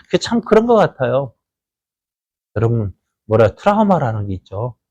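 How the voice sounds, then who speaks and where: A man preaching a sermon as pastor of a church, putting questions to the congregation and answering them himself, and acting out quoted voices with sudden jumps in pitch and loudness. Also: very animated, moderate pace, lo-fi sound.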